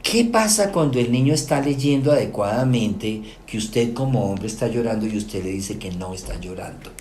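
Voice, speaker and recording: A middle-aged man with a Colombian accent giving a lively talk to an audience, often checking in with rhetorical questions. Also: medium pitch, moderate pace, slight background noise. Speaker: lecturer.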